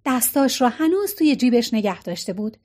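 High-voiced woman narrating a story. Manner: expressive storytelling, lightly voicing each character's lines. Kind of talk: audiobook narration.

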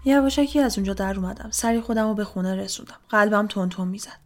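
Woman narrating horror in hushed tones. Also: mid-range voice. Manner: hushed, often dropping to a whisper. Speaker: storyteller.

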